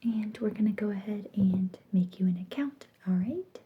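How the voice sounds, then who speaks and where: Woman's soft library whisper, whispered role-play. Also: medium pitch, breathy edge, phone-quality sound. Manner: gentle, unhurried, polite. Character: soft-spoken, helpful female library clerk.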